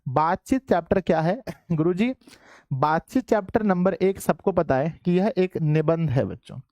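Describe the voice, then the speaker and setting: A male teacher leads an online class, his voice sitting a little high for a man. He keeps calling out to his students and answers his own questions. The sound is dry and close, with little room in it. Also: a little mellow, no room sound, muffled recording.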